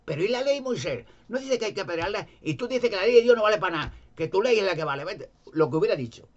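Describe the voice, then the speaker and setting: A man doing sneering Pharisee accusers, high and shrill. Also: lively intonation, a little fast, dull audio. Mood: indignant. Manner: goading, sarcastic, raised voice. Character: scheming male Pharisee accusers, mocking and shrill.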